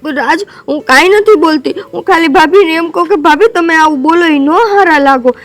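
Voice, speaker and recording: An actress playing a hurt young wife, complaining softly and tearfully in a family drama. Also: female voice, very high-pitched, fairly quick. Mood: tearful complaint. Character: hurt young wife, insulted by sister-in-law.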